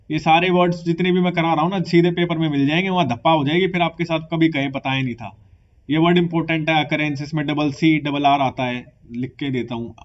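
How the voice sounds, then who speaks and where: A man's voice: on the high side, muffled recording. Man teaching vocabulary in mix. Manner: explaining patiently, mixing English words into Hindi, repeating "ठीक है". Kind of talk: exam vocabulary lesson.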